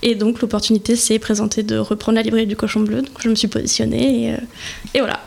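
A woman in her twenties, a bookshop owner, answering radio interview questions in a measured way with many hesitations. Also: a little high, flat delivery, gravelly, a little mellow, a little hiss or hum. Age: 20s. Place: radio studio.

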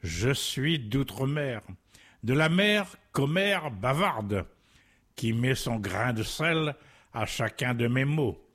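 A man from Guadeloupe delivers a poem in a slow, incantatory way, leaning on a repeated refrain. His voice sits in the middle range, and he stretches out the lines at an unhurried pace. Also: medium pitch, lively intonation, a bit bright. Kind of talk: poetry recitation.

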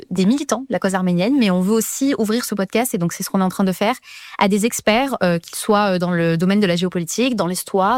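A woman hosting a podcast interview, measured in her questions, with frequent fillers. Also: medium pitch, dry recording, studio quality. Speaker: podcast host.

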